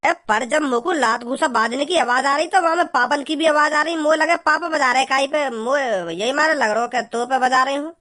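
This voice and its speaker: Voice actor playing a cartoon village bumpkin, high-pitched, rambling, stammering, naive. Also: moderate pace, few pauses, pushed and bright. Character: silly simple-minded village young man. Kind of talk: cartoon comedy voice acting.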